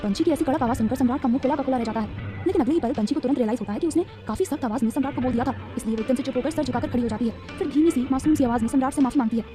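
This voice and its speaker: A woman narrating a serialized romance story in a dramatic, fast scripted style. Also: high-pitched, dark tone, faint music behind.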